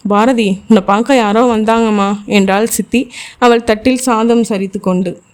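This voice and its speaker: A woman's voice: a little high, steady tone, normal speed, darkish tone. Woman narrating a thriller novel. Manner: reads every character's lines in her own voice. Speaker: audiobook narrator. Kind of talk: scripted novel narration with voiced dialogue.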